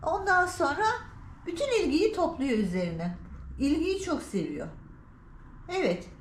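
A middle-aged woman chats to her cats in a high, lively voice, teasing and scolding them like little children. She is recorded at home in an echoey room with faint ambient noise behind her. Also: a little slow. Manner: playful baby-talk scolding. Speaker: cat vlogger. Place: home by a balcony.

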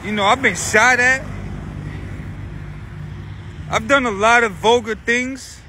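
A man's voice: very high-pitched, slow pace, noisy background. A man in his thirties filming himself on a phone while walking outdoors, talking earnestly and saying "you know what I'm saying" over and over. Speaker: vlogger. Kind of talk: walking selfie vlog. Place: outdoors on a street in cold weather. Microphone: phone held at arm's length.

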